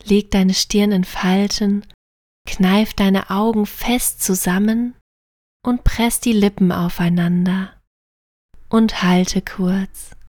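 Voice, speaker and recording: Female sleep story narrator: soothing, softly near-whispered guided relaxation, evenly pitched, in a slightly roomy echo. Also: steady tone, slow pace, studio quality.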